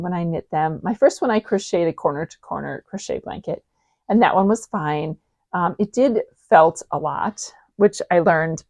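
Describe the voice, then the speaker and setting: Woman, forties, knitting vlogger, casual rambling chat, slightly low pitch, dry room. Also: a little mellow, no echo. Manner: chatty, rambling, with many ums and restarts. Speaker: knitting podcast host. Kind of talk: casual show-and-tell chat.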